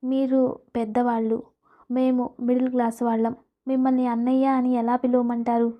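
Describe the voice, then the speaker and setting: A humble middle-aged mother, hesitant and polite, in a woman narrator's high, flat voice. The storybook audio is dull and lo-fi. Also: moderate pace, lightly acted.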